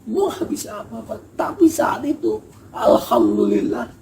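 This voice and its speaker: A man with a very high, creaky, sing-song voice recounts a hiking experience at a measured pace, telling the story in a casual, emotional and earnest way. Noisy ambience fills the background.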